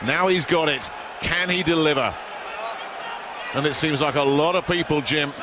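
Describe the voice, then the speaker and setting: A man giving live boxing commentary. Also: on the high side. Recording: live arena broadcast, very loud crowd noise.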